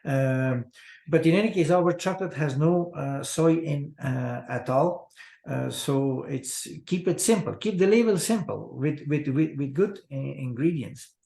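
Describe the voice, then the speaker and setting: An older man from Belgium, a chocolatier, talking in a halting, casual way with many fillers over a video call from an office. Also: a little high, creaky, mellow, roomy sound. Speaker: chocolatier guest. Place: office with large window. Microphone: video call webcam.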